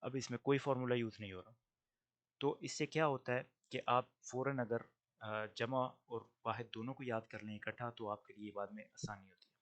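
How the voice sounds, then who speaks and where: Male grammar teacher, native Urdu speaker, mid-pitched, patient, drills word pairs slowly. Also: steady tone. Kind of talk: recorded online lesson.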